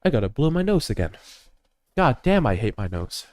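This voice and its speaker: A man's voice: mid-range voice, big pitch swings, normal speed, a little mellow. A young man streaming a strategy game, rambling and jokey in casual commentary, full of fillers.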